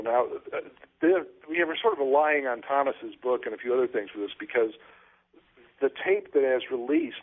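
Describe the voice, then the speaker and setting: A man, a guest on a casual discussion, speaking in a measured way with fillers and restarts. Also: medium pitch. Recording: tinny phone line.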